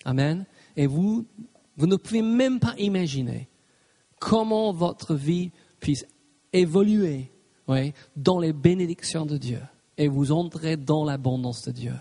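A man's voice: on the high side, a little slow, mellow. A man preaching a sermon, emphatic, punctuating his points with "Amen" and slipping in English phrases. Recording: reverberant hall.

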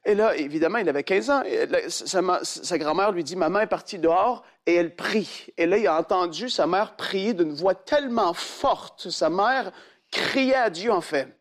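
A man preaches a sermon, telling a testimony dramatically at a moderate pace. He's an animated storyteller who acts out the quoted voices in a much higher pitch.

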